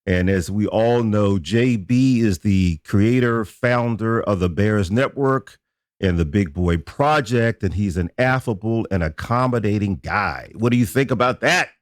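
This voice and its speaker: A man's voice: fairly low pitch, a little slow, no echo, studio quality. A man hosting a podcast interview, playful and teasing with his guest. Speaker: podcast host. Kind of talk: casual interview talk.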